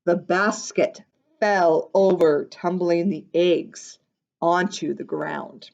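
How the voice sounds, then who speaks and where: Speaking low with some vocal fry, a woman reads a picture book to young children in an expressive, relaxed manner and slips in simple, casual explanations. The high frequencies of the recording are cut off.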